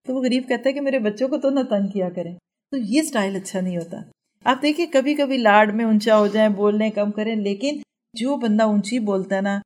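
A woman giving a calm, conversational religious lecture to women, often acting out short everyday anecdotes. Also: medium pitch. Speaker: religious teacher.

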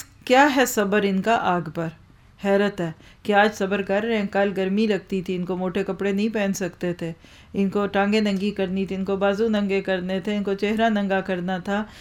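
This medium-pitched woman leads a religious class on the grammar of Quranic Arabic. Her method is gradual: she questions the learners, breaks points down one at a time, and recites verses at a slow pace.

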